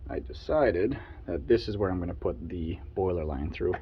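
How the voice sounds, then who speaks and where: A man's voice: sits low, normal speed, highs cut off, a little hiss or hum. Chatty man explaining his building work. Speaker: vlog host building a home. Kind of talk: casual build-update vlog.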